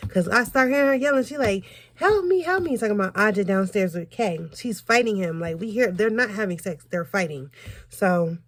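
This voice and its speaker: Young woman telling an animated, slangy story. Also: mid-range voice, brisk, dry recording. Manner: animated, slangy, profane, conversational; acts out quoted dialogue. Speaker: storytelling vlogger. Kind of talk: casual personal storytime.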